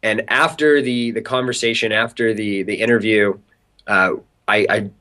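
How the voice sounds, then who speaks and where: A young man from Southern California, a guest telling an animated story in an interview, talking in a chatty way full of filler words. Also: lowish voice, normal speed.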